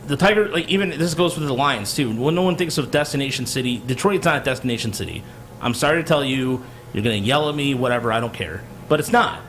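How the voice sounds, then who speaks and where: A man's voice: mid-range voice, animated, fast, a bit bright, slight background noise. Blunt man from Michigan. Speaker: sports podcast host. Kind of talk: casual sports chat.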